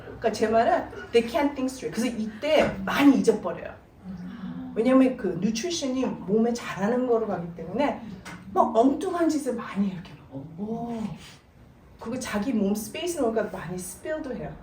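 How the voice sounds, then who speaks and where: A middle-aged woman giving a church parenting seminar, telling stories with animated delivery and slipping English words into her talk. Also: fairly high pitch, moderate pace. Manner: animated storytelling, mixes English words into Korean. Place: church hall. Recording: echoey room, voice from far off, faint noise.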